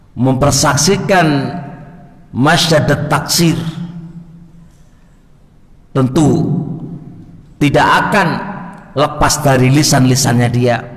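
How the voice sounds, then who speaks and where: Man, East Javanese accent, mosque sermon, soft then suddenly loud, long hall reverb. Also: medium pitch. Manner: switches between soft murmurs and sudden loud exhortations; addresses the congregation as "Pak". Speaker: preacher.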